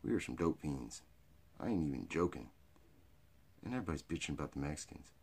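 A middle-aged American man with a hick drawl and a gravelly, raspy voice, rambling through off-the-cuff comedy to camera in a crude, rowdy redneck manner. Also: very deep voice, lively intonation, fast, a little mellow. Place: small cluttered indoor storage room or workshop. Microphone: phone or webcam at arm's length.

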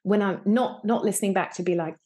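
Joining an interview by video call from a room indoors, this actor in her thirties talks fairly quickly in a warm, mid-range voice. Her tone is earnest and reflective.

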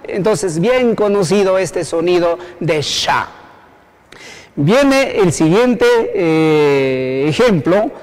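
A man from Cajamarca with a Peruvian accent, teaching Quechua pronunciation slowly and patiently, repeating each word for learners. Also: sits high, long reverb tail. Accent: Cajamarca Peruvian Spanish. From Cajamarca, Peru. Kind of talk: slow pronunciation lesson.

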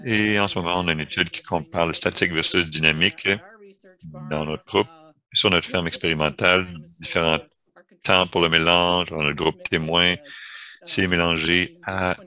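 A man giving live voice-over interpretation of a panel discussion, halting at times and correcting himself. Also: low-pitched, fairly even intonation, sharp tone. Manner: halting, with self-corrections and fillers.

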